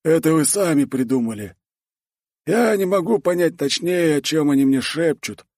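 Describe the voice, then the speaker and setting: A cryptic, teasing dwarf mage who hears the mountains whisper, put on by a man reading an audiobook. He speaks higher and slower than the reader's own voice. The tone stays husky and dry. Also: animated, a little mellow, dry recording. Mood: wry, cryptic. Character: mystical male dwarf mage, wry and cryptic.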